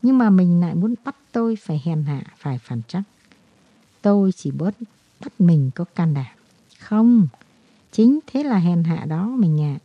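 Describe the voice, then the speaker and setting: A woman's voice: fairly low pitch, lively intonation, a little slow, no echo. A woman reading an anguished young wife. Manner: tearful, lamenting delivery. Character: anguished young married woman torn by love. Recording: dull, dry lo-fi recording.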